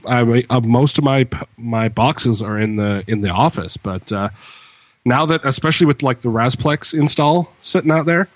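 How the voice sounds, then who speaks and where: A man's voice: medium pitch, dry recording. A man chatting casually about tech as a podcast co-host, in an informal, talkative way. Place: room with bare walls, slightly reverberant.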